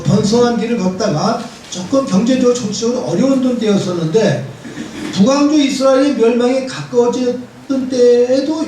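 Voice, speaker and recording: Heard from a distance in a strongly reverberant church hall, a very high-pitched man in his seventies delivers a conversational Bible talk. As a priest, he tells his stories in a lively way laced with dry wit, with slight background noise present.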